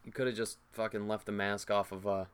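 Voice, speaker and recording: A man's voice: lowish voice, flat delivery, fairly quick, clear, resonant tone. A young man in casual movie chat, sarcastic and crude, swearing freely as he riffs.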